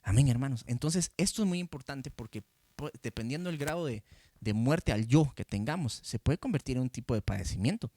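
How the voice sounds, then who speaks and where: A Costa Rican man preaching a teaching sermon, his voice sitting at an ordinary middle pitch. He talks loosely and conversationally, often tagging his points with a questioning "¿verdad?". The sound is close and dry, from a handheld mic with no room echo. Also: lively intonation, a little fast, warm tone. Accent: Costa Rican Spanish. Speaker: pastor. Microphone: handheld microphone facing a camera.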